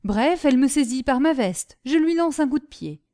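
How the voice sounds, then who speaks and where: A woman's voice: high-pitched, lively intonation, normal speed, mellow, voice pushed up. A woman reading aloud, voicing Gribouille, a simple-minded, earnest young peasant boy who tells his tale eagerly. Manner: naive, eager, breathless storytelling.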